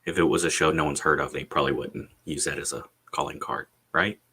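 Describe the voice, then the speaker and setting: A man chatting casually on a solo livestream, rambling and halting, repeating words and pausing as he goes, with blunt, sweary language. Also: very deep voice, steady tone, bright, forceful tone, slightly rough. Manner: halting, meandering delivery with repeated words and drawn-out pauses.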